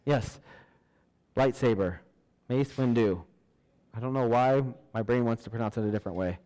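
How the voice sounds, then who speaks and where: A man hosting a church trivia night, reading questions slowly, counting down and laughing at himself. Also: mid-range voice, warm tone. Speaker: trivia host. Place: church hall. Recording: large hall with long reverb.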